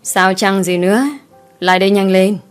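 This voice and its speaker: A woman voicing a young gentleman master who gives curt, cold orders. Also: mid-range voice, flat delivery, moderate pace, smooth, soft background music, lightly acted. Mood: commanding. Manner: curt and commanding.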